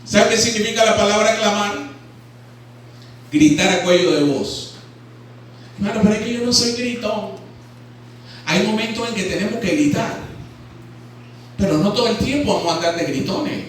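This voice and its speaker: A Nicaraguan man preaches in a high, carrying voice, often turning to ask his congregation questions. His voice rings through a very echoey hall and is picked up from some distance off the mic. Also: normal speed, pauses often, a little hiss or hum. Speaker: pastor. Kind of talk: sermon. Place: church hall.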